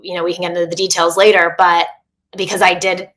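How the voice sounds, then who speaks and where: Talking quickly in a fairly low, level voice with a bit of brightness, a coach in her thirties opens up as a podcast guest. The casual interview is chatty, with plenty of fillers and restarts.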